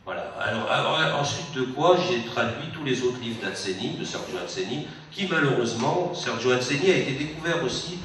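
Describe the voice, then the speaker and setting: A man's voice: medium pitch, expressive, a little fast, hardly any pauses, a bit bright, a little hiss or hum. A man translator, born abroad and raised in France, speaking at a public book event, hesitant with many restarts. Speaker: literary translator. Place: meeting hall. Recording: echoey hall from far off.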